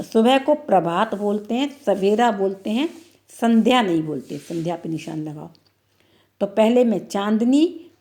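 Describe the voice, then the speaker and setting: A woman's voice: medium pitch, a little mellow. Woman teacher doing an online class, goes step by step and repeats answers.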